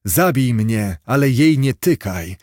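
A man voicing a noble, wounded young knight who speaks with calm dignity in a storybook reading. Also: mid-range voice, slow pace, no echo, clean studio sound. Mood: dignified.

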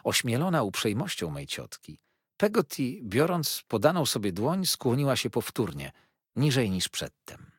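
A man narrating a novel as an audiobook in an expressive storytelling manner. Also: medium pitch, normal speed, breathy edge, no room sound, clean studio sound.

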